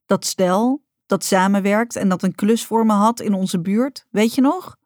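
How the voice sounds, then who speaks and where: A woman voicing a firm, sharp-toned mother. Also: medium pitch, measured pace, no room sound, studio quality, lightly acted. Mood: serious. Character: stern mother, adult woman, architect.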